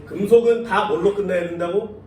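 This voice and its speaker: A man's voice: high voice, steady tone, a little fast, a little mellow. A man teaching science to a class, often checking whether students follow. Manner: questioning students often, casual banmal mixed with polite speech. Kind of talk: classroom lecture. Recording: echoey classroom from far off, faint noise.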